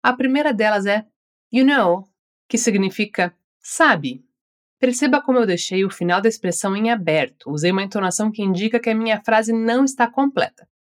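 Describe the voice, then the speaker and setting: A woman with a Brazilian accent teaching English, giving slow, carefully articulated model phrases for learners to repeat. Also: medium pitch. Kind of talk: scripted language lesson.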